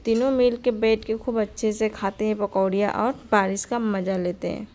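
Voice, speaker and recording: A woman narrates a simple family cartoon story in a homely storytelling manner. Her voice sits at a middle pitch and stays plain and unforced. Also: fairly even intonation, moderate pace, darkish tone.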